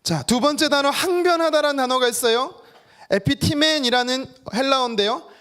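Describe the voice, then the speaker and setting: A man preaching a sermon as pastor, lively, acting out quoted voices and making joking asides. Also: extremely high pitch, a little fast. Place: church sanctuary.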